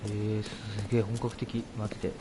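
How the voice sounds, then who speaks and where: A man's voice: lowish voice, monotone, very fast, heavy background noise. A man giving casual gameplay commentary, muttering reactions and reading lines aloud. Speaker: game streamer.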